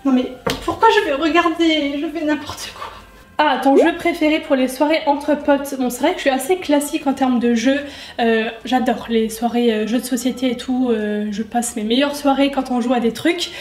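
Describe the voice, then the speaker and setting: A young woman with a high, bright-toned voice chats casually through viewer questions while cooking in her home kitchen. She is self-mocking and loose, full of fillers. The sound bounces around the room, picked up by a camera mic a little way off. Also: fairly even intonation, normal speed, echoey room. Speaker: lifestyle YouTuber.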